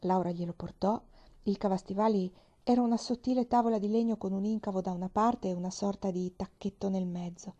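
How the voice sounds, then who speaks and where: Warm-voiced woman reading a story aloud. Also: medium pitch, brisk, highs cut off. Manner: expressive, drops to whispers. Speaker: reader. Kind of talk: audiobook narration.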